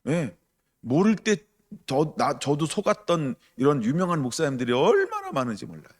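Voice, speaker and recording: A man preaching a sermon as pastor, emphatic, asking the congregation questions and acting out quoted voices with loud bursts. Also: a little high, huge pitch swings, normal speed. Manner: acts out quoted voices with sudden loud outbursts.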